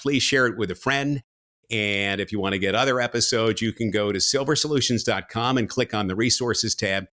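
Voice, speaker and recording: A man's voice: mid-range voice, pushed and bright. A man hosting a podcast, asking questions and giving a polished, upbeat closing. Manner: upbeat, polished sign-off delivery. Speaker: podcast host.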